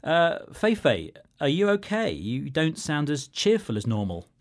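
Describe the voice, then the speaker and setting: A man co-hosts a scripted language lesson in a studio. He explains things in a sympathetic, gently teasing way. His pitch is lively and moves around a lot. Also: a little slow. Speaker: co-host.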